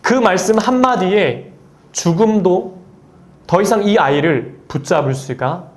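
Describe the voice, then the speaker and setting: Earnest Korean pastor preaching. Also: male voice, high-pitched, expressive, a little slow. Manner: earnest preaching, quoting scripture, rising emphasis on key phrases. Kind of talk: sermon. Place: church sanctuary.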